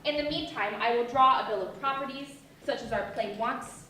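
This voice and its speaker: A woman's voice: fairly high pitch, normal speed, pushed and bright. A woman playing an earnest, firm troupe organiser, declaiming in a Shakespeare stage comedy. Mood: coaxing. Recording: echoey hall, distant mic, faint noise.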